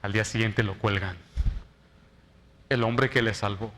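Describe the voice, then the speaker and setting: Bright-voiced man preaching a sermon. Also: lowish voice, steady tone, a little slow. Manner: preaching with dramatic quoted voices, rising loud at climaxes and dropping soft. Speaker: pastor. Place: church.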